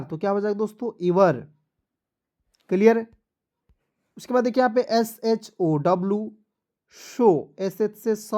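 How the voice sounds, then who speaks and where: A man's voice: high-pitched, darkish tone. A man teaching English online, spelling each word letter by letter, asking how it is read, then answering and checking that viewers follow. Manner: repeats each word slowly. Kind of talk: spelling-out language lesson.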